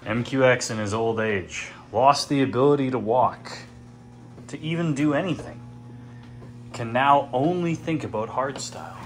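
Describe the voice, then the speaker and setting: A man's voice: medium pitch, moderate pace. A young man bantering casually as a vlogger. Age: young adult. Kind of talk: casual bantering vlog talk.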